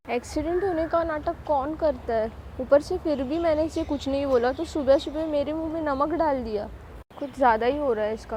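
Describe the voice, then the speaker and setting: A woman's voice: high-pitched, mellow, slight background noise, natural voice. A woman playing a hot-tempered young woman. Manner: irritated, complaining.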